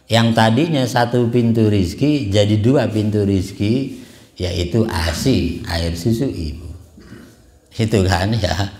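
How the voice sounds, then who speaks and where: A man's voice: on the low side, darkish tone. A middle-aged man giving a casual sermon in a small prayer hall, full of rhetorical "ya kan" asides and light chuckles. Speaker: ustadz giving a religious study talk.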